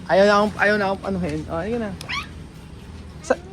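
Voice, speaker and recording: A man's voice: high-pitched, quick pace, background noise. A man from the Philippines vlogging in casual chat, playful and coaxing, often stopping and restarting his words.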